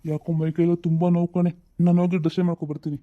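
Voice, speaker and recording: A woman's voice: lowish voice, racing, narrow, tinny audio, close to an everyday voice. A woman playing an easygoing, teasing husband and father in a comedy sketch. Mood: casual. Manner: relaxed, teasing.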